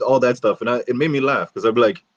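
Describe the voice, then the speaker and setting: Man, podcast co-host, casual slangy chat, laughs a lot, mid-pitched voice, slightly muffled lo-fi sound. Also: fast. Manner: laughs often, slangy storytelling.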